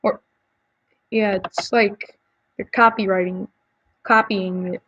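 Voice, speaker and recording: A woman's voice: medium pitch, steady tone, slow, fairly bright tone, slightly rough, lo-fi sound. A woman YouTuber chatting casually as she answers quiz questions, giving blunt opinions with frequent ums and restarts.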